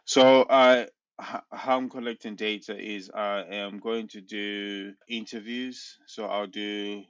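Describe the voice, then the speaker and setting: A man's voice: lowish voice, steady tone, slow, clear, resonant tone, dry recording. A young man, a researcher being interviewed on a podcast, explaining his work in a hesitant way with many restarts. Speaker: PhD researcher guest. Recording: dull, dry sound.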